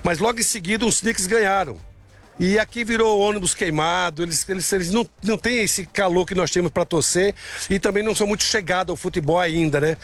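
Man from brazil interviewed on the street, talks quick, highish voice, stumbles a bit. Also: a bit bright, soft background music. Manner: talkative, with stumbles and repeats. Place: outdoors in a city square.

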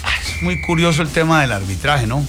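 A man's voice: a little high, fairly quick, over music. A man hosting a sports radio show, animatedly quizzing his co-hosts in casual debate. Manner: animated, quizzing co-hosts, reads sponsor promo.

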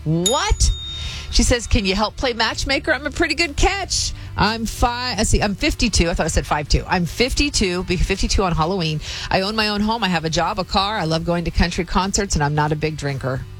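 A woman's voice: medium pitch, expressive, a little fast, faint music behind. A woman co-hosting a morning radio show in a studio, chatting casually and reading listener messages aloud.

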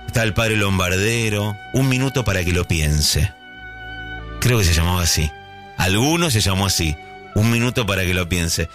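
Argentine man, low voice, hosting a relaxed late-night radio show over faint music. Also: moderate pace. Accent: Argentine Spanish. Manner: musing, reminiscent, relaxed, speaks over soft music. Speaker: radio host.

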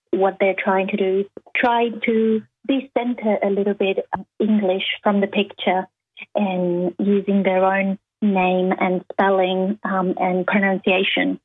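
Flat-voiced woman over a phone line. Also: medium pitch, slightly rough. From Argentina. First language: Spanish. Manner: slow, thoughtful, with many ums and restarts. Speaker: university lecturer, interview guest. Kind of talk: unscripted interview answers. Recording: tinny phone line, dry.

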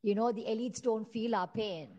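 A woman's voice: a little high, moderate pace, warm tone, muffled recording. A woman from Sri Lanka, giving an earnest, indignant listener comment. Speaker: listener sending a message.

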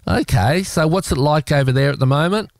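This community radio host, an Australian man from South Australia, talks a little fast in a fairly high voice. The studio sound is clean with no room echo, and his chat wanders loosely, full of fillers and restarts.

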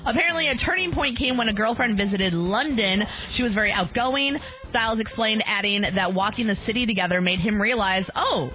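A woman hosting a radio show, reading entertainment and trending news with casual asides. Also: mid-range voice. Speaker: radio host. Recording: slightly dull radio, faint music bed. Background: faint music.

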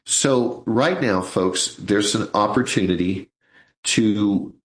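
Casting: older man, sixties, low voice, folksy live radio money-show host, roomy studio. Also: slow. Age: 60s. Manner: chatty, folksy, addresses listeners as folks. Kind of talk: live financial radio talk.

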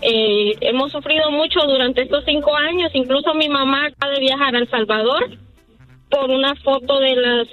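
A woman calling in to a radio show. Her voice is high, and she speaks earnestly and at a measured pace. Faint music sits under the call. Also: phone-quality sound. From Honduras. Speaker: caller.

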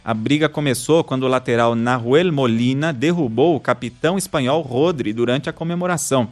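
A man's voice: mid-range voice, a little fast, soft background music. A man hosting a news podcast, reading stories and listener messages in a scripted style. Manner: reads listener messages aloud.

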